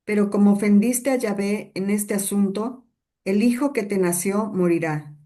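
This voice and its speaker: A woman in a Bible class reading a scripture passage aloud, slow and careful. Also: medium pitch, warm tone. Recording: distant from the mic.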